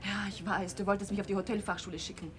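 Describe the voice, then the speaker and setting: A woman's voice: medium pitch, fairly even intonation, fast, natural voice. An actress playing a young waitress who speaks out against her father, in a 1960s TV drama. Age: young adult. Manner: defiant, outspoken. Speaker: waitress, innkeeper's daughter. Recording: old TV soundtrack with faint hiss.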